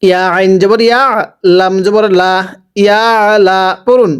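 A man teaching Quran recitation by spelling out each syllable, slowly drawing out the words as he recites them and pausing to explain the rules. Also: high voice, fairly even intonation, clear, resonant tone. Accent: Bangladeshi Bengali. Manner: slow, drawn-out recitation of syllables, with instructions in between.

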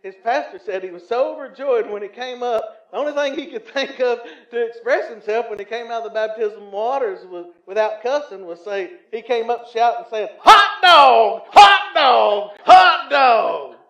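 A male pastor preaching a sermon in a folksy, storytelling way, often restarting with fillers and swelling louder for emphasis. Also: very high-pitched, fairly quick, few pauses. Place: church sanctuary. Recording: roomy, slightly dull church recording.

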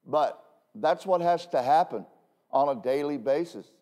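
A male pastor preaching a sermon from the pulpit in a conversational way, full of self-deprecating asides and quick "okay?" checks with the congregation. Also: on the high side, animated, warm tone. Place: church pulpit.

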